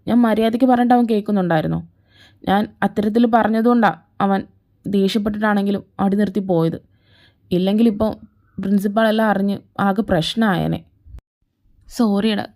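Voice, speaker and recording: A woman's voice: mid-range voice, warm tone. A woman reading an audio fan fiction story and speaking the characters' lines. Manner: conversational, voices all characters.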